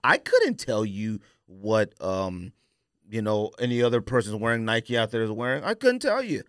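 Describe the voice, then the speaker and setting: An American man in his forties argues about sneakers like a podcast host in a casual, opinionated debate, speaking at a moderate pace. His pitch swings lively and he's emphatic, repeating phrases for stress. The recording is close and dry with no room sound.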